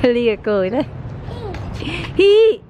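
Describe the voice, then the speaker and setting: A woman's voice: high-pitched, moderate pace, noisy background. A woman filming a family vlog, playfully coaxing children and talking to viewers. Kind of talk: casual family vlog chat.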